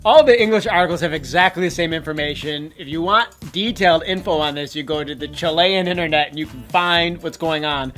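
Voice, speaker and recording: A man's voice: fairly high pitch, brisk, few pauses, sharp tone. A man co-hosting with casual, emphatic and opinionated news commentary. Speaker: co-host of a Korean pop culture news show. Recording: faint music behind the voice. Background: faint music.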